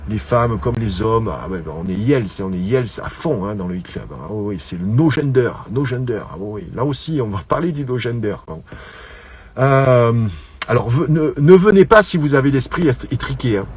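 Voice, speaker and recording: A man's voice: mid-range voice, animated, normal speed, darkish tone, slight background noise. A middle-aged man hosting his own online show, rambling casually to his viewers, repeating words and stumbling as he goes. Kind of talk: casual solo monologue to viewers.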